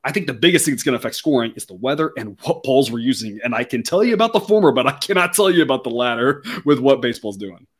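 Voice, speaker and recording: A man's voice: medium pitch, animated, fast talker, hardly any pauses, breathy edge. A man hosting a sports betting show in a conversational, wordy, explanatory way.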